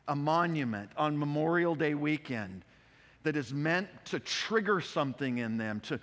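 Man, pastor, conversational sermon, animated, average pitch, long hall echo. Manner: conversational, animated preaching with repetitions. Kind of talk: expository sermon. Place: church sanctuary.

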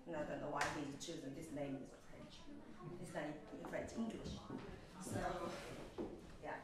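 Slow-talking woman in an echoey room. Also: sits low, steady tone, a loud crowd. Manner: chatty, hesitant, with many fillers. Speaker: piano teacher hosting a student concert. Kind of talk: casual spoken introductions between pieces. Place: music school concert room. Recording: echoey room, distant mic, loud noise.

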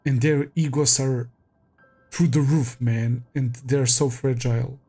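Excitable man reacting, slow-spoken. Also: medium pitch, husky, faint music behind. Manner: excitable, shouts out and laughs often, swears freely. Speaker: anime reaction host. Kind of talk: casual reaction commentary.

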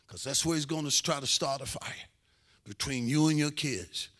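A middle-aged man, preaching a sermon as pastor, who swings between quiet asides, loud shouts and sung-out lines and acts out family arguments in different voices. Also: mid-range voice, moderate pace. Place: church.

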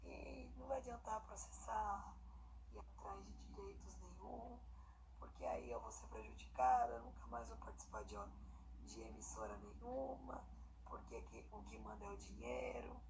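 Hoarse, creaky young Brazilian woman. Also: mid-range voice, big pitch swings, normal speed. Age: young adult. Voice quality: hoarse, breathy. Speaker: singer. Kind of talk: casual personal statement to phone camera. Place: lying down in a room indoors. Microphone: phone held at arm's length. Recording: noisy phone recording.

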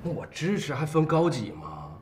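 A man's voice: fairly high pitch, big pitch swings, moderate pace, crowd noise. An actor playing a persistent father in his forties who coaxes his way in to see his daughter. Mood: pleading. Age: 40s. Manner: coaxing, pleading. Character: easygoing middle-aged dad, persistent. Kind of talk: TV drama acting.

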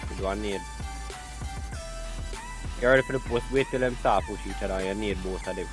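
A man's voice: lowish voice, brisk. A man with a Jamaican accent chatting casually during gameplay, slangy, repeating short commands to teammates. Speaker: game streamer. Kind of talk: casual gameplay chat and team callouts. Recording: voice under loud game audio. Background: loud game music and effects.

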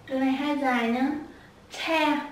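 A woman teaching children pronunciation, repeating each word slowly and breaking it into sounds with patience. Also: high voice, background noise. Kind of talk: slow spoken lesson with repeated drills. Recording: echoey room, voice a bit far from the mic.

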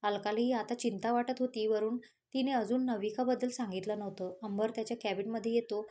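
A woman's voice: a little high, steady tone, a little fast, warm tone. A woman reading a romance story aloud as storyteller, voicing all the parts herself, with small slips and restarts.

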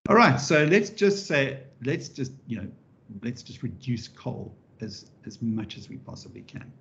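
A man giving an interactive public lecture as a professor, lively and animated, often restarting his sentences and adding wry asides. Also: medium pitch, measured pace, vocal fry. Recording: dull lo-fi recording.

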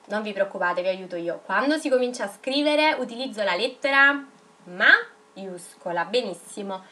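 A woman teaching young children in a video lesson, dictating words slowly and spelling them out syllable by syllable. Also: medium pitch, expressive, bright, forceful tone. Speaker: primary school teacher.

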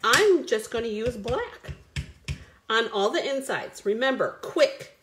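A woman's voice: fairly high pitch, animated, a little slow, fairly bright tone. A woman hosting a live card-making stream, chatty and bubbly, greeting viewers by name as she works. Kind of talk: live crafting stream chat.

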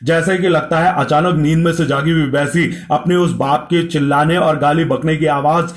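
A male teacher explaining a literature chapter to students, reading each English line slowly and then explaining it at length. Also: fairly high pitch, fairly even intonation.

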